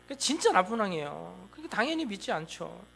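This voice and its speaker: A man preaching a sermon as pastor, animated and acting out voices in quoted lines. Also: sits high, a little fast, creaky, slight background noise. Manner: animated, acts out God and the king in quoted lines. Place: church sanctuary.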